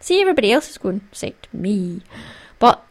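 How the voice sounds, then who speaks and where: A woman's voice: medium pitch, sing-song, fairly quick. A Scottish woman hosting a solo craft podcast in a playful, conversational, jokey way. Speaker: podcast host.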